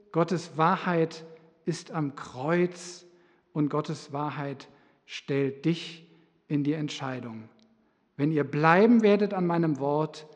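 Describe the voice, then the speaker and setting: A man preaching a sermon in a church service, fervent, swinging from hushed to loud. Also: fairly high pitch. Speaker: pastor. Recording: long reverb of a hall.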